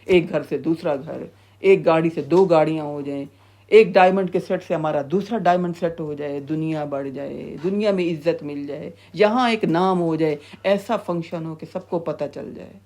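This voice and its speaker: A woman teaching a Quran tafseer lesson. She talks animatedly, repeats phrases for emphasis and rises to a high scolding pitch when she quotes warnings. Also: a little mellow.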